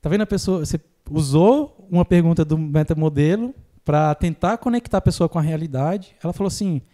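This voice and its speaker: A man's voice: fairly quick, dark tone. A man hosting a podcast, explaining therapy ideas in a casual chat and acting out clients' lines. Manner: acts out clients' lines in a higher voice, laughs easily. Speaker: podcast host, phobia therapist.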